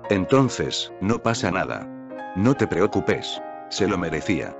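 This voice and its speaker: A man reading the lines of an amused, indulgent old grandmother in a calm, measured storytelling voice-over. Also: low-pitched, gravelly, exaggerated voice. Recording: dull lo-fi voice-over with faint music.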